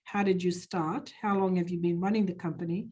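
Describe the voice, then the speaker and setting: A woman moderates a webinar panel. She thanks each speaker and asks polite, measured questions before handing over the floor. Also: on the low side, steady tone, darkish tone, husky.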